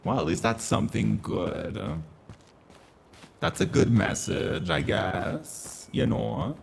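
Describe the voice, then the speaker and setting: Guy on a voice changer doing stream commentary, gravelly and swoopy, campy and chatty, little hiss behind. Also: fairly low pitch, sing-song, slow pace. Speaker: game streamer. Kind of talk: casual live-stream commentary.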